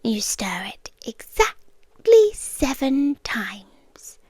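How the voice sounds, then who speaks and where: Soft and coaxing, a high-voiced British woman acts as an eerily calm, possessive yandere girlfriend in an intimate ASMR roleplay. Speaking slowly and deliberately, she often slips into whispers, her voice exaggerated. The audio is very close and dry with no echo, and slightly rough.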